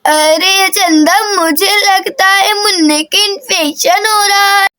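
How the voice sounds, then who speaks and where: Woman putting on a slow sing-song grandma. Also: very high-pitched, fairly even intonation, bright, forceful tone, dry recording, studio quality, exaggerated voice. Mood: fond, soothing. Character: slow-talking elderly grandmother.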